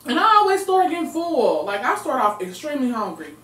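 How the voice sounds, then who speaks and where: With a high-pitched, sing-song, fairly bright voice, a young woman chats fairly quickly and expressively as she eats for her mukbang vlog. The casual talk and murmured eating sounds are caught by a camera mic at a distance, sounding echoey and far off in her home recording room.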